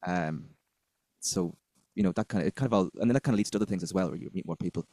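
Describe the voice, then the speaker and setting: Casting: male band member, west of Ireland accent, deep voice, halting and conversational. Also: warm tone, no echo. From Galway, west of Ireland. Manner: rambling, halting. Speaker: band member being interviewed. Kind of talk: casual interview chat.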